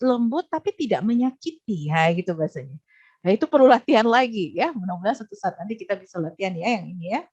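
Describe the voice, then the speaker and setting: A woman from Indonesia giving a parenting talk as a coach, speaking gently and often tagging her sentences with little checking questions. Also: fairly high pitch. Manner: gentle, frequent "gitu ya" tag questions.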